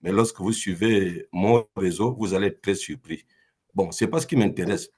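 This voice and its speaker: A man's voice: sits low, normal speed, darkish tone, slightly rough. A man from Gabon speaking off the cuff as a guest on a video call, hesitant and repeating words. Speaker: company founder, Zoom guest. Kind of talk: unprepared remarks on a video call.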